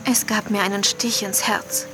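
An actress playing a warm-hearted young woman teacher in a radio play, speaking in a heartfelt, gentle way. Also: mid-range voice, level tone, normal speed, over music, natural voice. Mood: tender, sad.

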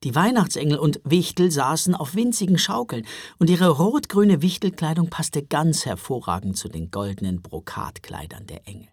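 A man narrating a children's story in an expressive, storybook manner. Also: a little high, normal speed, slightly rough, no room sound, clean studio sound. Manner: expressive, wide-ranging delivery.

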